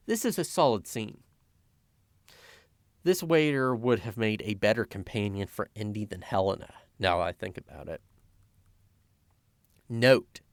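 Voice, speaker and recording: A man's voice: mid-range voice, dry recording, studio quality. A man narrating a scripted video essay as a film critic, opinionated and sarcastic in his commentary.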